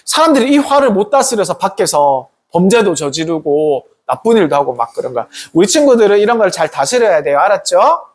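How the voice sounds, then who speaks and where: A pastor giving an animated youth sermon, telling a story and constantly checking in with the kids through questions. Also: medium pitch. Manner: animated, asks the kids questions often, tag questions. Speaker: pastor preaching to a youth group.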